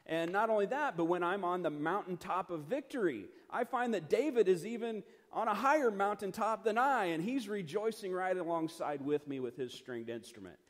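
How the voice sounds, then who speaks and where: A middle-aged man teaching scripture in a relaxed, earnest way, with a slightly higher voice than most men. He restarts his sentences and fills pauses with ums and you-knows. The hall gives his words a long reverb. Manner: earnest, conversational, many fillers and restarts. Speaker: pastor. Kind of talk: Bible study teaching.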